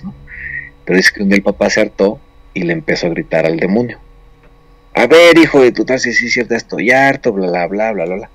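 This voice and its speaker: Low-voiced man telling a rambling story. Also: fairly bright tone, no echo. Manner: rambling, with many restarts and fillers. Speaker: storyteller on a paranormal show. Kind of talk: casual storytelling.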